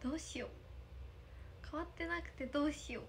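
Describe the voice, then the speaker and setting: A woman's voice: high-pitched, a little fast, gravelly, a little hiss or hum. A young woman in a casual livestream, reading viewer comments, thanking them often and giggling. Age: young adult. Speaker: idol livestreamer. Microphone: phone camera.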